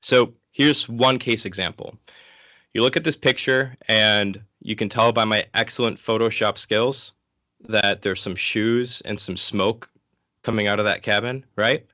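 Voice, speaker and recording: A man giving an informal, interactive lecture in a casual, conversational way, sick and low on energy. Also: fairly even intonation, measured pace, bright, forceful tone, no echo. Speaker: guest lecturer from an online ministry.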